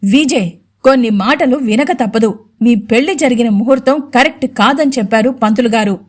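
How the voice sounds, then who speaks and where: A woman's voice: a little high, moderate pace, natural voice. A woman voicing a scheming middle-aged mother who hesitates and needles with sarcasm in a Telugu audio story. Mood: sarcastic.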